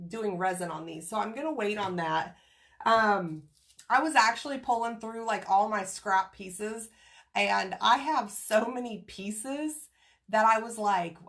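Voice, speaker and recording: A woman's voice: medium pitch, a bit bright. A woman from Kansas getting over a cold, with a nasal, scratchy voice, chatting casually while doing crafts on a livestream and greeting viewers by name. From Kansas, USA.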